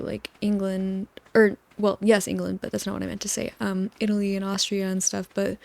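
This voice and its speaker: Soft-spoken woman, mellow ASMR rambling. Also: mid-range voice, creaky. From United States. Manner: gentle, rambling, with whispered asides and soft laughs. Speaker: gaming channel host. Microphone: close microphone, spoken softly.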